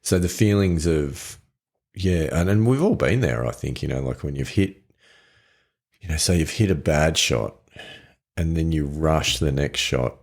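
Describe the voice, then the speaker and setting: A man's voice: very deep voice, animated, measured pace, darkish tone. A man co-hosting a casual podcast, chatty and rambling through examples and questions. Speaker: co-host.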